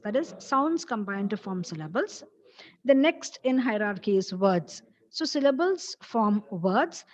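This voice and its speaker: Malayali-accented woman, college English teacher, slow patient delivery, slightly high voice, dull lo-fi audio. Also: darkish tone. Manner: explains patiently, repeats example words, mixes English and Malayalam. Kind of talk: online lecture.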